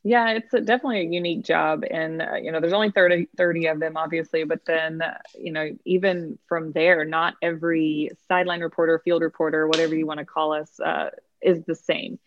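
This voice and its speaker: A woman's voice: deep voice, steady tone, brisk, dry recording, narrow, tinny audio. A woman with a Texas accent, a baseball field reporter, speaking proudly in a casual podcast interview and often repeating words as she starts a sentence.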